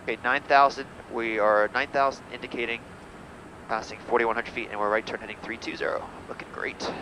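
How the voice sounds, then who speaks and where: A man's voice through an aviation headset in a jet cockpit, reeling off checklist items in a brisk, procedural way. His pitch sits mid-range for a man. Loud engine noise hums under everything he says. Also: little pitch movement. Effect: pilot talking over a cockpit headset mic. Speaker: pilot. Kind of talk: cockpit checklist callouts and radio calls. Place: small jet cockpit in flight.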